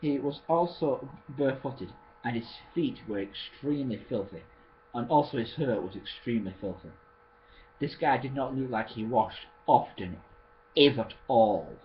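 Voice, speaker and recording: A man casually retelling a vampire story, halting often and correcting himself as he goes. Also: mid-range voice, animated, lo-fi sound, a little hiss or hum. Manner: halting, with many restarts and self-corrections.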